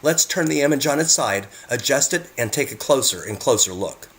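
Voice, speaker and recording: A man presents his own photographs, reading scripted narration earnestly and speaking directly to the viewer. His mid-range voice is expressive, brisk, and fairly bright.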